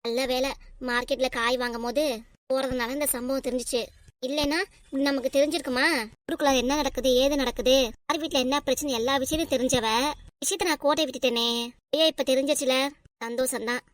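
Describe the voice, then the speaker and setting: A high, fast-talking cartoon gossip aunt, played by a woman, nosy and scheming, with a Tirunelveli Tamil accent. She exclaims her way through everything she says. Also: steady tone, no echo, clean studio sound, close to an everyday voice. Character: nosy middle-aged village gossip woman.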